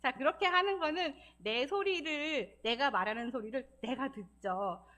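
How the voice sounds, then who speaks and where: A woman with a fairly high voice gives a Sabbath school talk in church. She speaks in a lively, encouraging way, often laughs, and acts out quoted feelings in changing voices. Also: moderate pace. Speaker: deaconess giving a church lesson.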